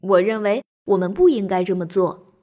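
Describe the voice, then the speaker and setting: Worried careful young boy in a kids' story, as a woman puts him on, hushed and a touch husky. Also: medium pitch, normal speed, pitched below the performer's own voice, close to an everyday voice. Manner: anxious, hushed.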